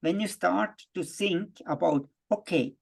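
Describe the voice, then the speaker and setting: A man from Switzerland, giving a halting worldview lecture full of restarts and fillers. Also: sits high, vocal fry, slightly rough.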